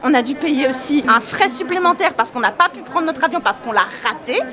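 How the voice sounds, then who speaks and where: A young woman vlogger telling a story in a casual, animated, exasperated way and swearing freely. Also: high-pitched, a little fast, a crowd in the background.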